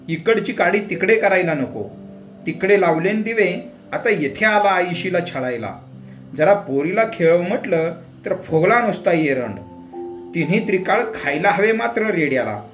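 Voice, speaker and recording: A man voicing a harried, middle-aged village mother who scolds in a shrill, raised voice. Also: sing-song, a little slow, darkish tone, soft background music. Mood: scolding.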